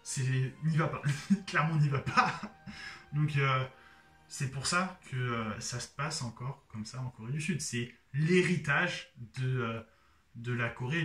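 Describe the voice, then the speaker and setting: A man's voice: mid-range voice, a bit bright, reverberant, recorded from a distance. A man from France explaining things in a slangy, joking vlog with lots of fillers. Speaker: YouTuber explaining Korean society.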